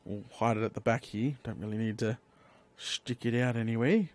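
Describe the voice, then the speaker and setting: A man giving chatty, excitable Let's Play commentary, talking to himself as he builds and bursting into eager exclamations. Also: medium pitch, moderate pace. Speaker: gaming YouTuber.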